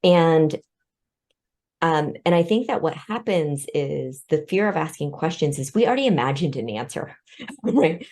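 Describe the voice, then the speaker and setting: Her voice is low and a bit dark, with lively intonation and a slightly slow delivery. Vietnam-born and US-raised, she is a guest expert on respect in a conversational interview, drawing on research and her own stories and dropping light laughs between points.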